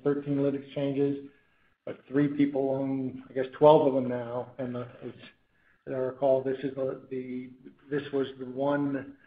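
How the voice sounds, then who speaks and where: A New England American man, a company chief executive, speaks off the cuff on an earnings call with a medium-pitched voice. He is halting and self-correcting, often restarting his sentences, and the tinny phone line has room echo.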